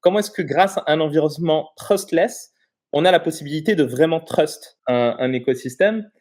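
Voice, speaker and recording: Man from Morocco, halting explainer. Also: on the high side, a little mellow. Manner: explanatory, halting with frequent pauses. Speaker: interview guest. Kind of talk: casual interview chat.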